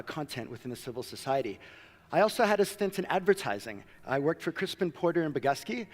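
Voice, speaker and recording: In a large hall, a South African-born man with an American accent gives a conference presentation, slipping in light self-deprecating humor. His voice is a little high, and the sound is big and roomy.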